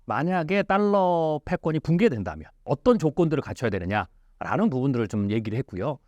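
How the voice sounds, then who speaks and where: Animated man explaining economics. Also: mid-range voice, fairly quick, dry recording, lo-fi sound. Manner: emphatic, rhetorical questions. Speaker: futurist guest. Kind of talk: explanatory interview talk.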